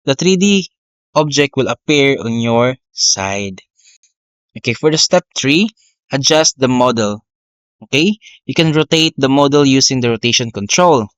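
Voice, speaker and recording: A man's voice: medium pitch, animated, a little slow, clean tone, no echo. Male teacher, tutorial voice, dry lo-fi recording, filler-heavy and self-correcting. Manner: step-by-step, frequent "okay" and "uh" fillers, self-corrections. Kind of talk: screen-recorded software tutorial. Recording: dry, dull lo-fi mic.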